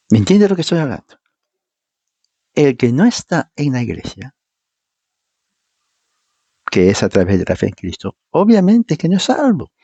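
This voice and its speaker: Preacher, male, emphatic and argumentative, mellow husky tone. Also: fairly low pitch, no echo. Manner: emphatic, argumentative, repeats points, mimics others. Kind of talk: informal teaching sermon. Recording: dull, muffled dry sound.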